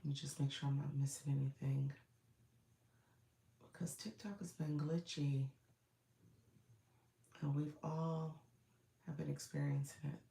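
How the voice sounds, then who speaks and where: A woman coaching on a live stream sounds like she has a cold: her voice is low, gravelly, froggy and congested, with a dark tone and fairly even intonation. Chatty and repetitive, she welcomes viewers again and again, uses frequent fillers and clears her throat, and the room adds echo.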